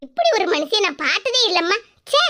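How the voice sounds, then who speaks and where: A woman's voice: very high voice, big pitch swings, fast, exaggerated voice. A woman voicing a gossipy, sly older neighbour woman in a cartoon, speaking in a mocking, scolding way. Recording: loud hiss behind voice.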